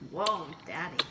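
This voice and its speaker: A woman chatting casually as a mother with her family in a room at home. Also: fairly low pitch. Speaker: mother behind the camera. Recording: hissy home phone recording with clicks.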